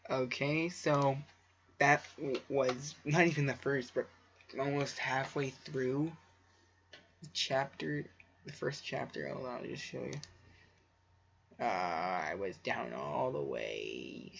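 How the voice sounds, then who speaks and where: This amateur fan fiction reader and video creator takes his story slowly, pausing often, stumbling over words and slipping into offhand asides. His medium-pitched voice is creaky and fairly bright, and a little hiss or hum runs through the dull lo-fi home recording.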